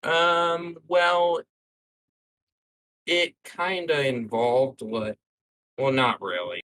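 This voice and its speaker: A man's voice: a little high, fairly even intonation, drawn-out words, pushed and bright, no echo, low-quality recording. A young man as a podcast guest, giving brief, hesitant answers. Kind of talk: casual podcast chat.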